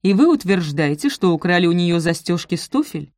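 A woman voicing a stern, weary middle-aged male magistrate who speaks gruffly and impatiently. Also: fairly low pitch, sing-song, brisk, darkish tone, no room sound, studio quality.

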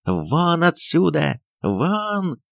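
A man reading an audiobook, voicing an enraged, unhinged middle-aged doctor who shouts at his household. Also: medium pitch, expressive, takes it slowly, no echo. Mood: raging. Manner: shouting, furious.

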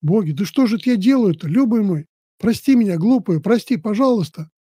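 A man's voice: sits high, animated, brisk, warm tone, breathy edge, no room sound, studio quality. A man voicing a fretful, jealous young village wife who scolds shrilly and pleads tearfully, in a storybook reading. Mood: pleading.

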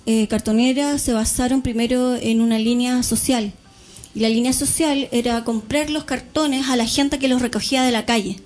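A woman from Chile speaks as a guest in a radio studio. Her voice is fairly high, and she explains things steadily, filling her pauses with soft hesitations. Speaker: guest from a cardboard publisher. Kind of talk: explaining in an interview.

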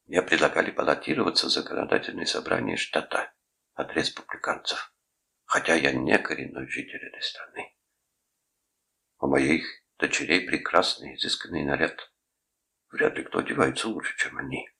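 A man's voice: extremely low pitch, vocal fry, bright, forceful tone, heavily acted. A man playing a pompous preachy uncle. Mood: lecturing. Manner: preachy, lecturing, drawn-out phrases. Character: pompous sanctimonious middle-aged uncle, menacing.

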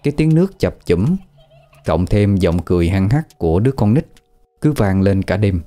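A man narrating a ghost story in a steady storytelling manner. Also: low voice, moderate pace.

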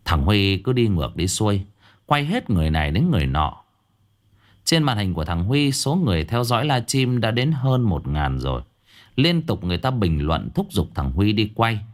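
Lively low-voiced male horror storyteller. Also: normal speed. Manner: dramatic, drops pitch for suspense. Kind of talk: scripted narration. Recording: faint background music.

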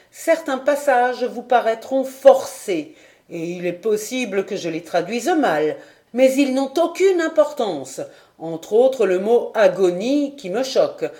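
A woman reading aloud, voicing an excitable learned male geographer who explains his theory with eager emphasis. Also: on the high side.

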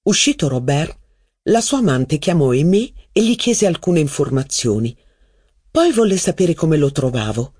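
An audiobook narrator reading a classic novel in an even, measured way. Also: medium pitch, slightly rough, no room sound, studio quality.

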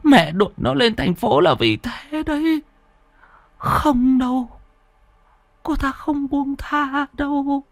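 A man's voice: very high voice, expressive, creaky, no room sound, voice pushed up, full character voice. Man playing a stern, frightened old grandmother. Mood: fearful. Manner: urgent, pleading, drawn-out words.

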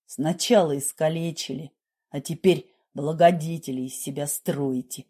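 Brief: resentful young heroine, read by a woman, sullen and husky, audiobook. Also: sits low, fairly even intonation, a little slow, warm tone, voice pushed down. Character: young woman, bitter and defiant.

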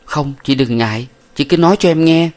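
A man's voice: fairly high pitch, a little fast, darkish tone, voice pushed up, close to an everyday voice. A man voicing a distraught young woman in an audiobook, pleading and tearful. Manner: pleading, sobbing. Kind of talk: audiobook character voice.

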